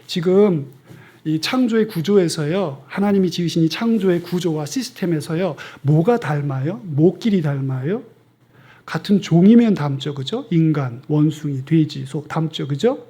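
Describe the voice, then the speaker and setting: High-voiced male pastor, conversational. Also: lively intonation, measured pace, breathy edge. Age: middle-aged. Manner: conversational, often asking the congregation questions; drops to soft near-whispers for tender lines. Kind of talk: sermon. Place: church sanctuary.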